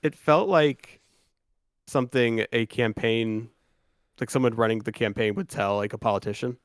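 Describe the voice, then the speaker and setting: A man's voice: medium pitch, moderate pace, no room sound, studio quality. A man co-hosting a sports podcast in loose, casual chat, swearing freely and restarting his sentences often. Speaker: podcast co-host.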